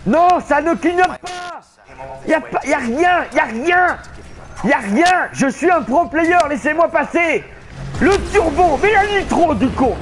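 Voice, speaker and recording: A man giving excitable let's play commentary, panicking and swearing at the game while he plays. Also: very high voice, measured pace. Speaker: gamer streaming a playthrough. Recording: game noise behind the voice.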